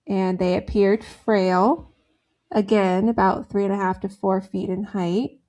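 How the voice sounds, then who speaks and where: A woman speaks at medium pitch with fairly even intonation, a measured pace, and a darkish tone. As a podcast co-host in a casual chat, she tells stories in a rambling, giggly manner.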